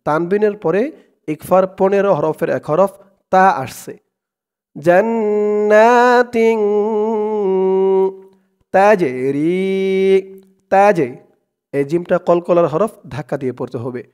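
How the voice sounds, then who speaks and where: A man teaching Quran reading, chanting verses slowly syllable by syllable and then explaining pronunciation rules plainly. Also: sits high, expressive, a little mellow. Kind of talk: slow recitation lesson, syllable by syllable.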